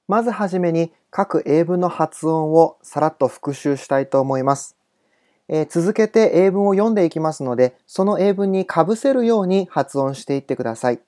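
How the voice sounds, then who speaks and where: A man teaching English in a recorded home-study lesson, giving polite instructions and reading example sentences slowly and carefully. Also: a little high, lively intonation, mellow.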